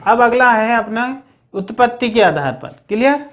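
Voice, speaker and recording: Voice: medium pitch, animated, moderate pace, fairly bright tone, dull audio. A teacher explaining grammar in a recorded lesson, asking the class questions and answering them, with frequent check-ins to keep students following. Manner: repeats check-ins like "okay, remember this".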